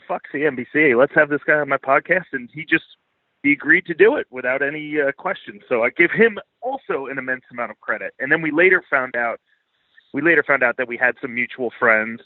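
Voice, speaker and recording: A medium-pitched American man from Philadelphia, with no room sound on a thin, phone-like line, chats casually in an unscripted interview as the guest. His manner is blunt, self-deprecating and full of profanity.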